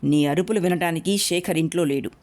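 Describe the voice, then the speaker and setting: Woman voicing cruel rich man, menacing, contemptuous, low, storybook. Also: a little fast, darkish tone, natural voice.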